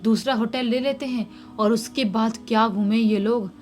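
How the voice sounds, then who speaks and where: A woman casually retelling a subscriber's horror story in a lively way, acting out the shouted quotes. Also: a little high, moderate pace. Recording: faint music underneath.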